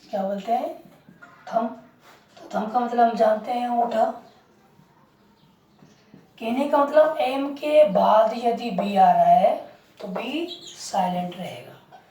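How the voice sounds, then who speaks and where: Slow, mellow-voiced woman teacher, roomy sound. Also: a little high, animated. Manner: slow, repeats words and asks the class questions. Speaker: English teacher. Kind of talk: classroom lesson. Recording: roomy, distant mic.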